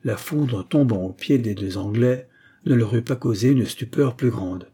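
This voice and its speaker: A man reading a novel aloud as narrator, in a measured storytelling manner. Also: medium pitch, mellow, breathy edge.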